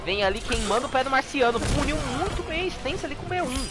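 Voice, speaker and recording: A man with a Brazilian accent giving excitable, slangy live fighting game commentary, full of jargon. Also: extremely high pitch, quick pace. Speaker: esports match commentator. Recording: game music behind the voice.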